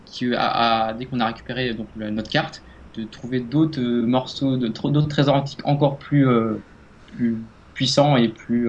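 Hesitant man co-hosting a gaming podcast. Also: medium pitch. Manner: hesitant, many fillers and restarts. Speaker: podcast co-host. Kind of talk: casual gaming podcast chat.

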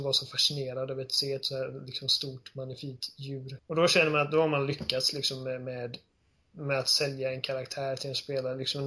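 A man's voice: medium pitch, fairly bright tone. A man casually discussing a video game, retelling its scenes with lots of enthusiasm and fillers.

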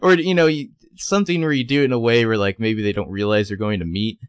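A man's voice: fairly low pitch, fast talker, clear, resonant tone, no echo. A man co-hosting a casual film discussion in an informal, jokey way. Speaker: podcast co-host.

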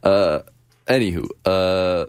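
Young male campus radio host, deep voice, dry booth, rambling and jokey. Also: slow, smooth, no room sound. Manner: rambling, jokey, many restarts. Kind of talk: casual chat.

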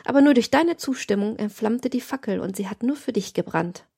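A depraved young nobleman lectures with cold, lofty calm, as a woman reads him aloud. His voice sits a little high and keeps an even audiobook delivery. He sounds scheming and self-assured. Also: brisk, breathy edge. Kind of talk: audiobook reading.

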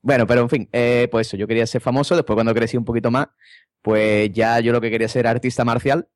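A man's voice: mid-range voice, fairly even intonation, fast talker, no echo. Guy telling funny stories on a podcast, mid voice, dry mic. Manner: jokey anecdote teller. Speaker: podcast co-host. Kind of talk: casual chat.

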